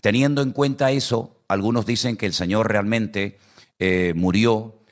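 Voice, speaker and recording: A man's voice: on the low side, steady tone, a little slow. A middle-aged man, a pastor, telling an anecdote in a chatty sermon, acting out the quotes and often checking in with his listeners. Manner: chatty storyteller, acts out quotes, frequent tag questions.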